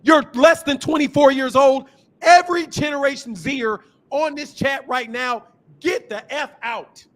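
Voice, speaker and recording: Very high-pitched and measured in pace, a man in his fifties who hosts a boxing channel insults and scolds a caller in a heated live argument, repeating himself as he goes.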